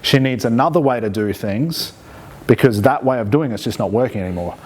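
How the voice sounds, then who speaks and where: A man's voice: medium pitch, brisk, a little mellow. A man teaching hypnosis in a live demonstration, explaining conversationally and checking in with rhetorical questions. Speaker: hypnosis instructor.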